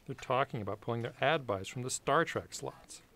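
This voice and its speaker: A man's voice: medium pitch, brisk, sharp tone. A man voicing an earnest, insistent 1960s office-worker puppet in a comedic parody. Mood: urgent.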